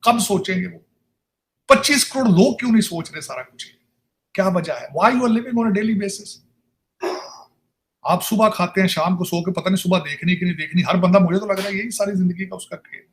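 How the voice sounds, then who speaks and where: A man ranting on a political talk show, piling up indignant rhetorical questions one after another. His voice sits high for a man. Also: moderate pace.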